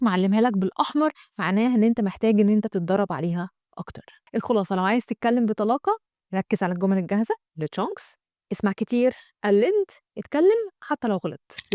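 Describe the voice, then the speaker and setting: An Egyptian woman, an English trainer, giving a lively online lesson, speaking straight to the viewer and modelling English phrases slowly. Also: mid-range voice, no echo, studio quality. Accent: Egyptian Arabic.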